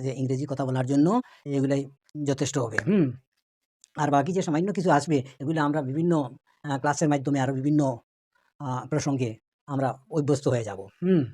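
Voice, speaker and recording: A man's voice: fairly high pitch, mellow, no room sound. A man giving an online English pronunciation lesson, patiently spelling out words letter by letter. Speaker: English teacher.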